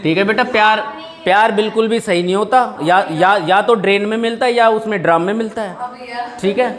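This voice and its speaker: High-voiced joking classroom teacher. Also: male voice, brisk. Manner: joking, scolds students warmly in Hindi mixed with English. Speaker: English teacher. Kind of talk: classroom lesson.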